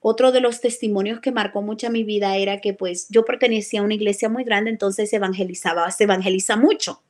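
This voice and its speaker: A woman's voice: medium pitch, steady tone, fast, darkish tone. A woman giving a live religious testimony, speaking earnestly and emotionally. She often addresses the listener as "brother" and restarts phrases as she recalls events. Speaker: church member giving a testimony.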